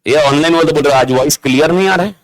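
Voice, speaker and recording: Middle-aged guy teaching a class, loud and lively, pretty high voice. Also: racing. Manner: energetic, loud, talks straight to the class. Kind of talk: classroom lecture. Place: classroom, also streamed online.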